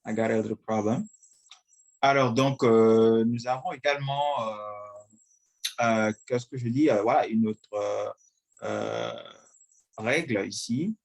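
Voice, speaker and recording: A man explaining a grammar lesson as an English teacher, pausing often with fillers and checking in with the class. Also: medium pitch, animated, creaky, muffled recording. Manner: frequent fillers, checks in with "d'accord?".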